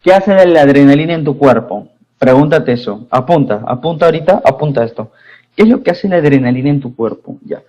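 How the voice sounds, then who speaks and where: A man's voice: on the high side, lively intonation, brisk, dark tone, highs cut off. A man with a Peruvian Spanish accent teaching a pharmacy class, repeating his phrases and checking in with students. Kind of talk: online class lecture.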